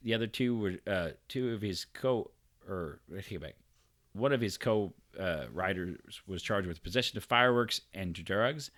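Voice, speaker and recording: A man's voice: fairly low pitch, normal speed, fairly bright tone. A man co-hosting a podcast, reading odd news stories aloud and joking with loose, profane asides. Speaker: podcast co-host.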